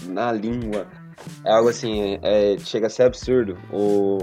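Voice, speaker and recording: A Brazilian man with a Brazilian accent in casual podcast chat, explaining things calmly. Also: on the low side, unhurried, faint music behind.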